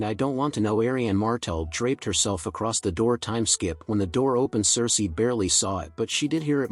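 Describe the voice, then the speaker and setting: A man narrating a fan fiction story in a steady storytelling manner. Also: fairly low pitch.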